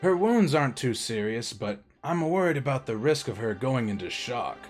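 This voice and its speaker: A man voicing a grave middle-aged doctor, speaking low, quiet and solemn. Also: lively intonation, moderate pace, faint music behind, close to an everyday voice. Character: grave middle-aged male chief of medicine.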